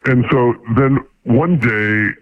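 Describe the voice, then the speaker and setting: A man in his fifties calling in through a voice changer that shifts his voice deep, telling a story in a hesitant, casual way. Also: slow pace, no echo. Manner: hesitant, filler-laden telling. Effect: voice changer shifting the pitch deep. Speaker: caller. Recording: tinny phone line.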